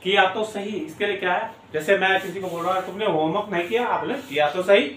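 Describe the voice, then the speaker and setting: A man teaching an English grammar lesson, repeating example sentences slowly and word by word to drill them in. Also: high-pitched, fairly bright tone, a little hiss or hum. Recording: echoey room, mic at a distance.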